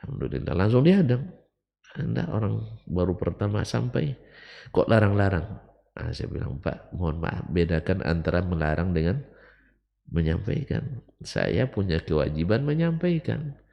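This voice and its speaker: A man's voice: low voice, animated, moderate pace, vocal fry, pauses often, muffled recording. A middle-aged man giving a religious study lecture in a conversational way, telling anecdotes and rising into emphatic bursts. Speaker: Islamic teacher. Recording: long hall reverb.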